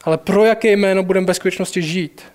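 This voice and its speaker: A man with a notably high voice preaches a sermon. He speaks straight to his listeners with urgency, slowing down to drive home key phrases. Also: fairly even intonation.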